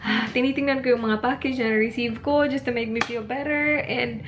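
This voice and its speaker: A woman's voice: a little high, fairly even intonation, normal speed, background noise. A young Filipino woman with a Filipino accent, chatting casually in a home vlog and mixing English into her talk. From Philippines. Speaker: vlogger.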